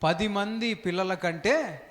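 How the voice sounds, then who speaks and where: A man acting out a caring husband, soft and pleading, asking slow questions in a high voice. the words ring out with a long reverb, as in a big hall. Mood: tender pleading. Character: gentle caring husband comforting his wife.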